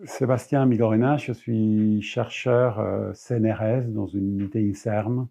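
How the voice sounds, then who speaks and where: A middle-aged man from Argentina, a research scientist, giving a measured interview statement with frequent hesitations and repeated words. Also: lowish voice, steady tone, gravelly, mellow, soft background music.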